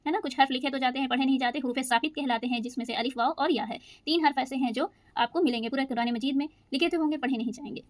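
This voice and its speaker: A woman teaching Quran recitation rules, patiently explaining each rule and reciting verses slowly. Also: sits high, dry recording. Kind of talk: step-by-step recitation lesson.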